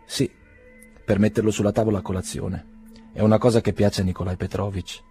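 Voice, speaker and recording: A man voicing a shy, gentle young peasant woman in a storybook reading. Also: lowish voice, flat delivery, brisk, faint music behind, lightly acted.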